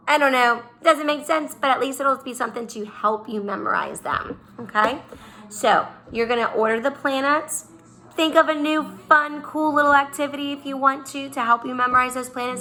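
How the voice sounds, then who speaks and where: A woman's voice: high-pitched, sharp tone. A young woman teaching young children in a recorded lesson, drawing her words out in a sing-song teacher manner. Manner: slow, drawn-out, sing-song teacher talk.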